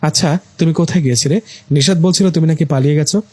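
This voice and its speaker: A man's voice: on the high side, fast talker, darkish tone, dry recording, close to an everyday voice. A man voicing a middle-aged mother who is bossy, pushy and eager for her son's wedding. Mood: scolding. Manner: scolding, pushy.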